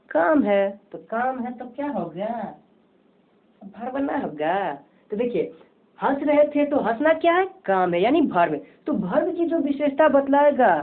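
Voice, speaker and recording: A woman teaching a grammar lesson, who keeps asking questions and answering them herself in a repetitive, drilling way. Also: medium pitch. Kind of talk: home-tuition grammar lesson. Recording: tinny phone-like lo-fi audio.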